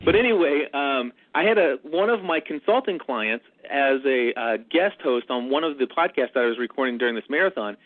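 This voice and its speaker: A man's voice: mid-range voice, animated, brisk, few pauses, dry recording. A man who works as a podcast consultant, talking on a live podcast stream over headset audio. He sounds punchy from a long nonstop broadcast and rambles animatedly, repeating words as he restarts. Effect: narrow lo-fi livestream headset audio. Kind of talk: live podcast panel discussion. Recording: tinny, dry livestream line.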